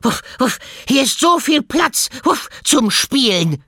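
A man's voice: very high-pitched, big pitch swings, slow pace, pushed and bright, breathy edge, no room sound, studio quality, voice pushed up, full character voice. A man voicing a playful, eager dog who barks between his words in a storybook. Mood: excited. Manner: barking, boisterous.

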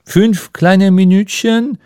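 A man reading an audiobook, voicing an excitable, teasing Frenchman in a raised, animated voice. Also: mid-range voice, measured pace. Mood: wistful. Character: excitable mocking Frenchman, grown man, theatrical.

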